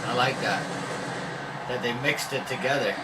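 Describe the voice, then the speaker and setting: A man's voice: mid-range voice, moderate pace, heavy background noise. A man co-hosting a casual wrestling reaction chat, laughing often and restarting his sentences. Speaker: co-host of a wrestling reaction show.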